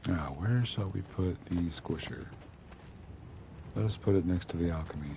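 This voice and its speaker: Gamer guy, very low gravelly voice, wry muttered play-by-play, faint hiss behind. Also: normal speed. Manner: muttering to himself, wry asides. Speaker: game streamer. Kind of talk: casual gameplay commentary.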